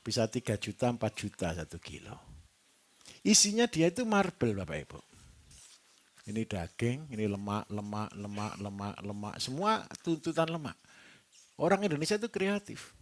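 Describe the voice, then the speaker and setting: Lively Javanese man quizzing his audience. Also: medium pitch. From Java. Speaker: livestock trainer. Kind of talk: seminar talk to a live audience.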